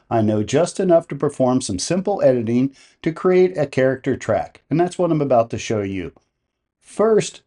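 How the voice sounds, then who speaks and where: A man walks through a software tutorial step by step, explaining methodically in plain language. His voice has a medium pitch.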